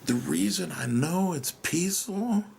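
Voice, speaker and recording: A high-pitched, expressive American man hosts a solo podcast, his voice a little slow and creaky with a darkish tone, over faint hiss or hum. Rambling and musing, he questions himself, trails off, occasionally whispers and swears in a casual way.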